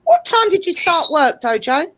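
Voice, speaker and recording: A loud British woman chatting in a blunt, sweary, bantering way. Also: extremely high pitch, wildly swooping pitch, normal speed. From United Kingdom. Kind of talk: casual chat, banter.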